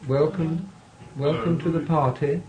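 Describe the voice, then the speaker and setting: A man hosting a party who gently coaxes a guest with one question after another. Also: fairly high pitch, fairly even intonation, a little slow, lo-fi sound, a little hiss or hum. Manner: coaxing, asking question after question. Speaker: host. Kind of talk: casual chat.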